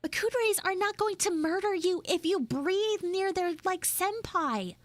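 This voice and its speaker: Extremely high-pitched and expressive, her voice moves at an unhurried pace in a dry recording. It belongs to a VTuber improvising in-character livestream chat, playing a flustered tomboy tsundere schoolgirl full of whiny, dramatic exasperation.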